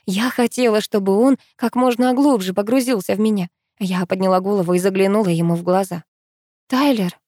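A woman reads a first-person romance audiobook in a soft, intimate way. Her voice is mellow and warm, recorded close on a dry, deadened mic. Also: mid-range voice, no room sound. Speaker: audiobook narrator.

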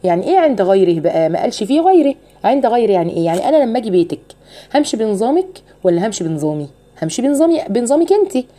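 Egyptian woman, recitation teacher, dark mellow tone, quizzes listeners, models words slowly. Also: fairly high pitch, sing-song. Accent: Egyptian Arabic. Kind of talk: tajweed lesson.

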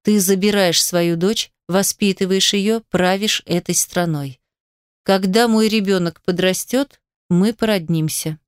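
A woman doing a calm, mocking monster husband. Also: mid-range voice, unhurried, clear, resonant tone, no echo, studio quality, lightly acted. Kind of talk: audiobook reading.

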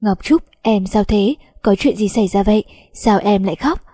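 A woman voicing a young male company chairman who asks gentle, worried questions, in an audiobook. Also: medium pitch, normal speed, slightly rough, no room sound, studio quality, close to an everyday voice. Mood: tender.

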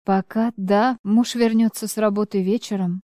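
A woman's voice: medium pitch, fairly even intonation, moderate pace, warm tone, no echo, studio quality, natural voice. A woman reading a bitter, snapping ex-wife. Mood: scornful, bitter. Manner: scornful, snapping. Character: bitter, sharp-tongued ex-wife around forty.

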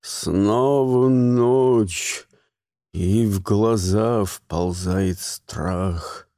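A man doing a hoarse, dying old wizard. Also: fairly low pitch, warm tone, no echo, clean studio sound, voice pushed down, exaggerated voice. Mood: mournful muttering. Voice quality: hoarse, rasping. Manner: slow, muttering. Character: wounded old male wizard, weary and grim.

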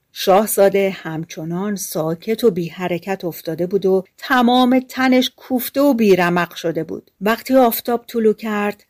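A woman narrating a fairy tale for an audiobook in a measured, even storytelling voice. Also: mid-range voice.

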